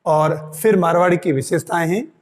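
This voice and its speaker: A man teaching an exam-prep lesson, speaking slowly and repeating key points for students. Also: on the high side, in a large hall. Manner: slow, repeats key points, "dhyan dena" reminders.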